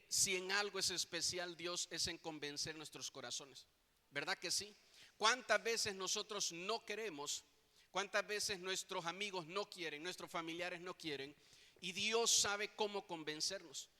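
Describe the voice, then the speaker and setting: High, bright-voiced preacher in an echoey church. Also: male voice, unhurried. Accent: Mexican Spanish. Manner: preaching with rhetorical questions, tag "¿verdad?". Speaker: pastor. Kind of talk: sermon. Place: church hall.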